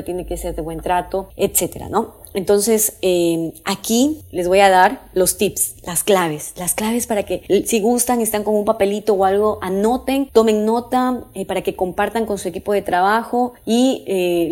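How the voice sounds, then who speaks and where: A woman teaching customer service tips in an informal talk, chatting with the audience, often pausing on fillers and asking "right?" as she goes. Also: mid-range voice, darkish tone. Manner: conversational, with frequent fillers and tag questions; restarts sentences and corrects herself mid-phrase.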